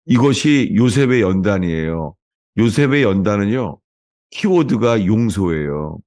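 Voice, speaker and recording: Korean pastor preaching with lively pitch. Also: male voice, unhurried, no echo, studio quality. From South Korea. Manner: asks the congregation questions, acts out quoted lines. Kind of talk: sermon.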